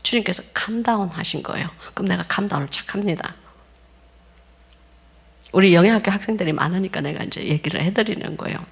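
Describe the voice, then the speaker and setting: A woman pastor preaching a sermon, telling stories in an animated way and acting out the voices of the people in them. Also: lowish voice, brisk, gravelly, slightly rough. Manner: animated storytelling, laughs often, acts out quoted voices.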